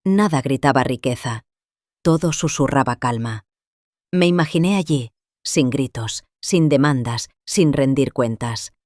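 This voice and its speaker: Calm older woman narrating a story. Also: very deep voice, unhurried, no room sound, studio quality. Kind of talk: scripted first-person story narration.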